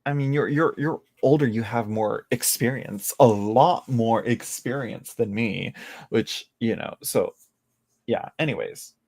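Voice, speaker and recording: Late 20s guy on a live tarot stream, bit of vocal fry, rambling self-mocking chat. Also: mid-range voice, measured pace, a little mellow. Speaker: tarot reader.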